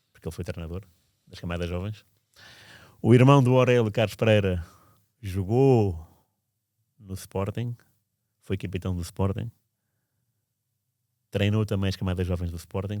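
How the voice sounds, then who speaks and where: A man's voice: deep voice, fairly even intonation, moderate pace, pauses often, warm tone, no echo, studio quality. A man who recalls events in a casual, reflective, meandering way, often restarting his sentences. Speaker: podcast storyteller. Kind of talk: casual spoken recollection.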